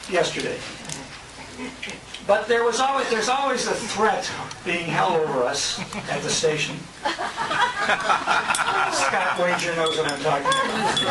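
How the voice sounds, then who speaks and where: A high-sitting male voice is heard from a distance through a handheld compact camera. The American speaker, a radio show host acting as emcee at a tribute dinner, casually relates anecdotes built around quoted conversations. Echo and noise fill the restaurant banquet room.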